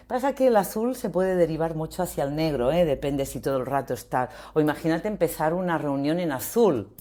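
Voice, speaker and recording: A woman, a voice coach explaining ideas in an interview, expressive and acting out example phrases. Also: low voice, a little fast.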